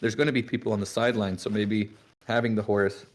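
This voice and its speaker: Low-pitched male player thinking aloud. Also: fairly even intonation, fast talker. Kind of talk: casual tabletop game chat.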